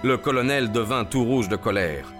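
A man narrating a detective story in a calm, measured, dramatic audiobook style. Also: mid-range voice. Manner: calm and measured, rising to excited shouts in the race scenes. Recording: music bed under the voice.

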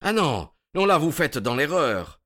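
A cornered aristocrat, impatient and defensive, acted by a man. His pitch swings widely, and he speaks in slow, drawn-out phrases. He fires back with exasperated retorts in a radio drama manner. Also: sing-song, fairly bright tone, exaggerated voice.

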